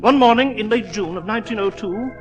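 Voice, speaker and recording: Male actor as genteel doctor, high-pitched, storyteller of mysteries, vintage radio drama, music on an old broadcast. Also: brisk, dull audio, close to an everyday voice. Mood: measured storytelling. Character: Doctor Watson, genteel, easily unnerved English gentleman doctor and storyteller. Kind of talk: 1940s radio acting.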